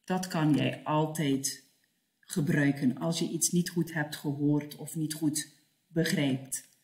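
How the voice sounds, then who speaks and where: A woman with a Flemish accent teaching a language lesson, speaking slowly and clearly, repeating each phrase and acting out little dialogues. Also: low voice, fairly even intonation, a little mellow, reverberant.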